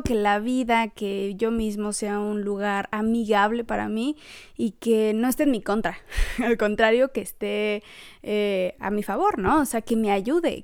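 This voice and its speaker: A woman giving a relaxed motivational talk in a smooth, resonant voice that sits a little high. She is animated, laughs often, and acts out the voices of the people she describes. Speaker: speaker on personal growth.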